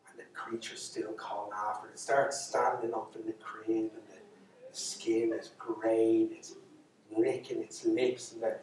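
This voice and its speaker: An Irish man telling a folk tale to a live audience, with dramatic swings between loud and hushed. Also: lowish voice, flat delivery, unhurried, slight background noise. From Ireland. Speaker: storyteller. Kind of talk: live storytelling lecture. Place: lecture hall. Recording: echoey hall from far off.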